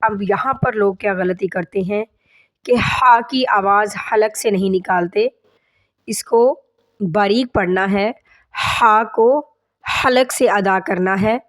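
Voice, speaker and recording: A woman teaching a tajweed lesson, patiently correcting mistakes step by step and reciting in a slow, drawn-out chant. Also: mid-range voice. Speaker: Quran teacher.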